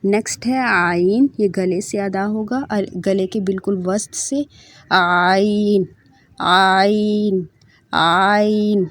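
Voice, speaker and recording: A woman teaching Quran letter pronunciation, repeating each letter slowly several times and then explaining calmly. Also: medium pitch, dry recording. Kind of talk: slow letter-by-letter pronunciation lesson.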